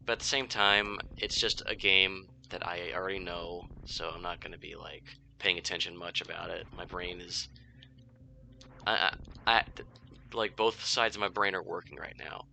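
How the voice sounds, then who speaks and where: A young man in his twenties with a low voice full of gravelly fry rambles through a gaming podcast as he plays. His tone is strikingly bright and forceful, and he swears freely. He keeps stopping and restarting his sentences in a loose, candid way. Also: level tone, moderate pace, a little hiss or hum. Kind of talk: casual rambling chat while playing a game.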